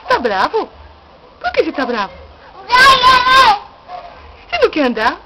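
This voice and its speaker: A woman's voice: high voice, wildly swooping pitch, a little slow, lo-fi sound. An older woman with a Brazilian accent, a grandmother coaxing a toddler to walk at home with repetitive, sing-song urging. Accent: Brazilian Portuguese. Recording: home video with loud background noise.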